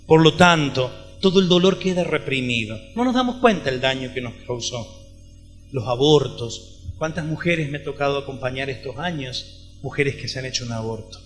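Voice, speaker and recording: A man preaching in Rioplatense Spanish, retelling a woman's story and her doctor's words, his voice swinging from loud stresses to hushed lines. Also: mid-range voice, normal speed, faint music behind. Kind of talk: sermon with retold dialogue. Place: large event hall.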